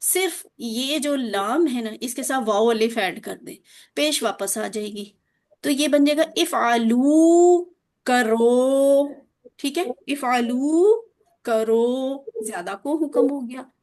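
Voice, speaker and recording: A woman teacher leads a grammar lesson over a video link, her voice set a little high. She drills each form slowly and patiently, repeating it again and again. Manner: slow patient drilling with repetition. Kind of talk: online Arabic grammar lesson.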